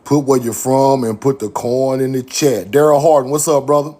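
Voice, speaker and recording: A man's voice: medium pitch, steady tone, normal speed, dark tone. A young man from Mississippi, talking casually and emphatically to his chat audience with repeated catchphrases. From Mississippi, USA. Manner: repetitive catchphrases, preachy and emphatic. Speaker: online video host.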